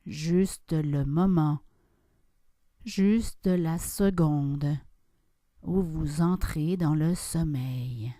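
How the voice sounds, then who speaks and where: Leading a deep relaxation practice, this female yoga nidra guide keeps a soothing, mellow tone. Her soft instructions come extremely slowly, separated by long pauses. The audio is close and dry, free of room reflections or echo.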